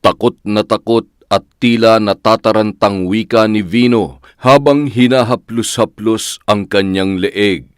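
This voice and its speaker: Low-voiced man narrating a horror tale. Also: smooth, no room sound, clean studio sound. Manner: measured, dramatic storytelling. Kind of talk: scripted horror story narration.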